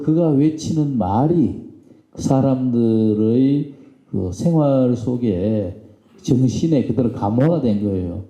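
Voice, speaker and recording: A man's voice: mid-range voice, warm tone. Man lecturing in a roomy hall. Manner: anecdotal, folksy, acts out quoted lines. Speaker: guest lecturer, author. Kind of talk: public lecture with storytelling. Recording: roomy hall, dull lo-fi sound.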